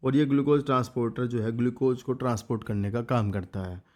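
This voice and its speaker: Speaking quickly in a steady, slightly mellow medium-pitched voice, a man teaches a relaxed biology revision class. He reads English textbook passages, breaks them down in Hindi, and keeps reminding students to hold on to the key points.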